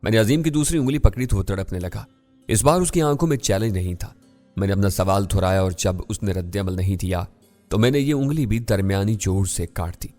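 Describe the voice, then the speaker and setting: A man narrating a first-person thriller audiobook in a steady, measured way. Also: lowish voice. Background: faint music.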